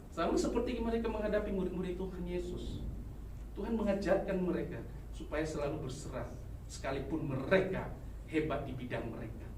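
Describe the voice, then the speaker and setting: A woman preaches emphatically, rising to loud exhortation and dropping to quiet asides. Her voice comes from a distance and echoes heavily around a church hall. Faint noise sits underneath. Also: mid-range voice. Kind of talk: sermon.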